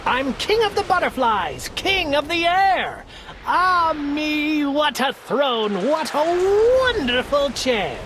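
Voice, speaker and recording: A woman's voice: high-pitched, very animated, slow, background noise, voice pushed up, exaggerated voice. A woman voicing a pompous, boastful male turtle king who makes grand proclamations.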